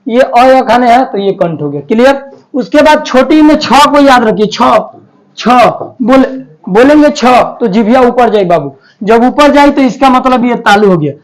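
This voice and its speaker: High-voiced folksy male teacher. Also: lively intonation, moderate pace, rough recording. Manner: folksy, playful, drops into Bhojpuri-flavored dialect with quiz-style questions. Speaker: Hindi grammar teacher. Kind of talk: exam-prep lesson.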